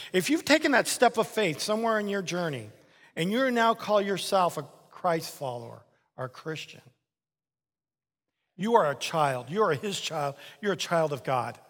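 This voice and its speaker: A male pastor delivers a lively sermon in a church sanctuary, his voice sitting a little high for a man. He preaches with animated emphasis and repeats key phrases for effect. The room carries a long, lingering reverb. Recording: long reverb of a large hall.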